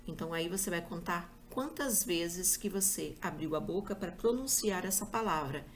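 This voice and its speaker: A woman teacher with a Brazilian Portuguese accent giving a patient school review lesson, listing examples one by one. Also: fairly low pitch. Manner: slow, patient, spells out examples.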